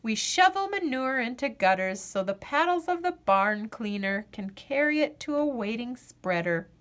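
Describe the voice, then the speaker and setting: A woman whose voice is on the high side reads a children's picture book aloud. As a storyteller, she is expressive and deliberate, extending the refrains.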